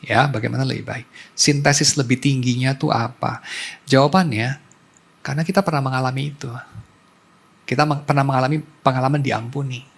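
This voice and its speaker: A man's voice: mid-range voice, steady tone, fairly quick, gravelly, long pauses. A man preaching a sermon as a pastor, in a conversational storytelling way, mixing in English terms.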